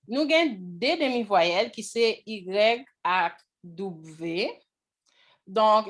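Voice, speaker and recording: A woman leads a classroom lesson on vowel sounds at a slow, deliberate pace. She keeps stopping to ask whether everyone is following. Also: medium pitch. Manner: slow, checks in with the class often. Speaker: language teacher.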